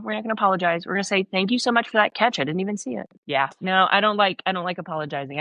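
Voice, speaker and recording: Woman, Southern, lower-pitched, blunt and emphatic, podcast guest, dry close sound. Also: no echo. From American South. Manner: emphatic, blunt, animated storytelling. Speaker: leadership coach, guest. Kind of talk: podcast interview.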